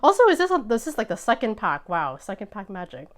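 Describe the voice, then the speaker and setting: A woman hosting a casual unboxing video, chatting excitedly and sometimes tripping over her words. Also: mid-range voice, fast. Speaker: host opening trading card packs.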